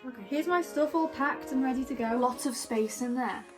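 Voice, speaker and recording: High-voiced playful British woman vlogging. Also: normal speed. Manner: playful, exclamatory. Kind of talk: casual travel vlog chat. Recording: music under the voice. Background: background music.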